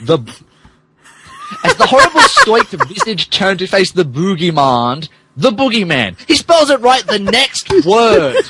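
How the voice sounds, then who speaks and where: With a high-pitched, sharp and slightly rough voice marked by vocal fry and huge pitch swings, this man reads fan fiction on his podcast a little slowly. He hams up the narration theatrically, then stops to toss in amused comments.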